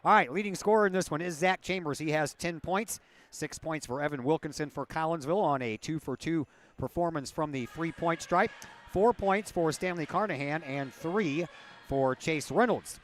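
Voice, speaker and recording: Alone in a gym press box, a hoarse play-by-play announcer who is losing his voice covers a high school basketball halftime show, reading stats and sponsor ads. He talks at a moderate pace in a chatty manner, slipping self-deprecating asides between stat rundowns.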